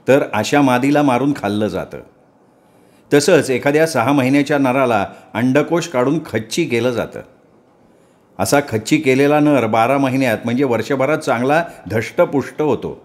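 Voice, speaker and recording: A man narrates a memoir novel in a steady, measured way. His voice sits at an ordinary middle pitch, and he reads in the first person as a practised storyteller. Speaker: storyteller reading a novel aloud.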